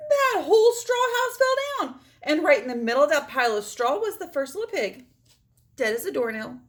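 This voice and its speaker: Woman reading as animated, self-justifying storybook wolf. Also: high-pitched, moderate pace, voice pushed up. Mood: incredulous, animated. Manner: conversational, theatrically emphatic, aggrieved. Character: chatty, self-justifying male wolf, wronged storybook narrator. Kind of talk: storybook read-aloud, first-person narration.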